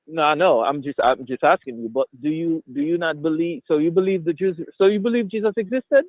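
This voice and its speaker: A man from Haiti calls in over a tinny phone line to join a casual debate, speaking with a fairly high voice at a slightly fast pace. He talks hesitantly, with many stammering restarts, and the recording has no room sound.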